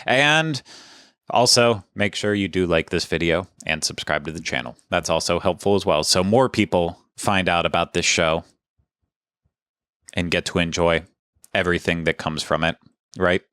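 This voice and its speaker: A man's voice: sits low, normal speed, a bit bright, smooth, dry recording, studio quality. A man hosting a casual podcast, talking in a chatty, rambling way with frequent restarts. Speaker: podcast host.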